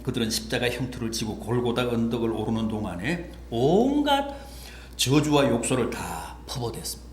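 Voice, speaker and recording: A male pastor preaching a sermon dramatically, swinging from hushed words to loud outbursts. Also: medium pitch, sing-song, a little fast, slight background noise. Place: church sanctuary. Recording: echoey church with faint ambience.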